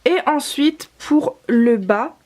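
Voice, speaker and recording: A young woman with a high voice chats her way through a show-and-tell. She rambles a little, fills gaps with hesitations and corrects herself as she goes. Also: takes it slowly, a little mellow. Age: young adult. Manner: chatty, rambling, many fillers and self-corrections. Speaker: doll collector vlogger. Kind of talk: casual show-and-tell narration.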